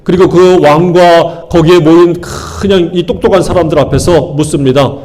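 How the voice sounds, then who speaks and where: A male pastor with a slightly high, somewhat mellow voice preaches at a moderate pace in a steady tone. Through call-and-response questions to the congregation and emphatic repetition, he pounds key words home.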